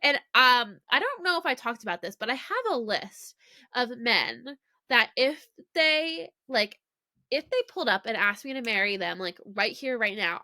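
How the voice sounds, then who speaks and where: A young woman chats through her solo podcast in a bright, fairly high voice, stuffy and congested from a cold. She rambles from tangent to tangent with a constant "like". The sound is close and dry. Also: no echo. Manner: chatty, rambling, heavy use of "like". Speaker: podcast host. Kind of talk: casual solo podcast chat. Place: her childhood bedroom.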